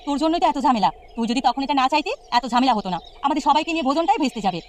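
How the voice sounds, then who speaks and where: A woman's voice: sits high, animated, rapid-fire, a little hiss or hum. A woman voicing a fretful, scolding village housewife in a cartoon.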